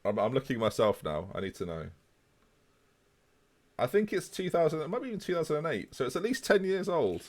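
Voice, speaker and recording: A man's voice: a little high, sing-song, fairly quick. A man, chatting casually with viewers on a live stream. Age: 20s. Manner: chatty, jokey, answers chat.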